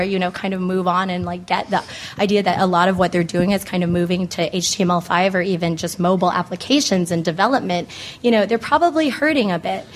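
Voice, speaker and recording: An American woman moderating a panel, hoarse from laryngitis, speaking in a casual, conversational way with plenty of filler phrases like "you know". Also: mid-range voice. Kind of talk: informal panel introduction to an audience.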